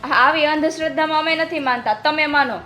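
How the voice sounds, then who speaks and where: An actress playing a spoiled young daughter-in-law who refuses housework, in a short drama. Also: female voice, high voice, steady tone, brisk, bright, forceful tone, echoey room. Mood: defiant. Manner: defiant, dismissive.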